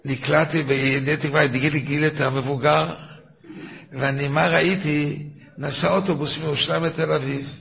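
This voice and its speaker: An older man, a rabbi, giving a weekly lesson as lively storytelling, acting out the people in his stories. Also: a little high, creaky. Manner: animated, acts out shouting characters in stories.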